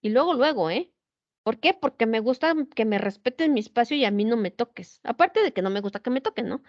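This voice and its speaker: Woman, pedagogy teacher; animated lecture full of rhetorical questions; high-pitched, muffled lo-fi sound. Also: a little fast, no echo. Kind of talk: lecture with anecdotes. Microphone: video call setup. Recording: dull, dry lo-fi sound.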